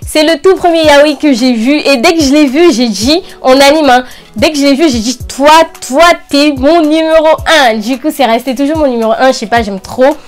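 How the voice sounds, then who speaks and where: A woman's voice: high voice, fairly quick, a little mellow. A young woman talking casually and slangily as an enthusiastic anime fan, recommending things to her video audience. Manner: informal youth slang. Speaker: anime review channel host.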